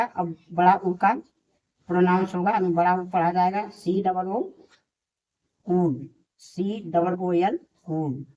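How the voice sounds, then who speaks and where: Slow, patient woman teacher, lo-fi sound. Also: lowish voice, warm tone. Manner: patient, repeats each point slowly. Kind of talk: slow step-by-step lesson. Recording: dull lo-fi recording.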